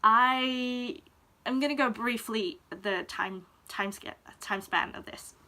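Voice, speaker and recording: Slow, reflective young woman vlogger. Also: a little high, bright, forceful tone. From Denmark. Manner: hesitant and reflective, pausing often to find words. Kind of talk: personal confessional vlog talk.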